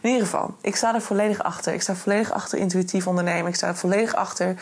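A woman's voice: on the low side, fairly even intonation, very fast, slightly rough. A young woman hosting a solo podcast, talking casually and encouragingly to her listeners and slipping in English phrases. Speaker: podcast host and intuition coach.

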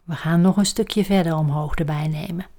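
A woman leading a guided relaxation exercise, speaking calmly and softly and often trailing into breathy near-whispers. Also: low-pitched, moderate pace.

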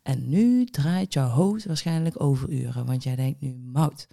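A woman's voice: very deep voice, a little slow, vocal fry, dark tone. A woman hosting a solo podcast as a diet coach, talking in a chatty, blunt way with mild swearing and acted inner thoughts. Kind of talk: casual solo podcast monologue.

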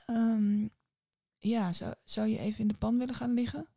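A woman's voice: fairly high pitch, level tone, moderate pace, vocal fry, warm tone, dry recording, voice pushed up. A shy, awkward witch's daughter from a storybook, as a woman acts her out, hemming and stumbling through every polite request. The voice is dry and close-miked. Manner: hesitant, full of ehm and stumbling.

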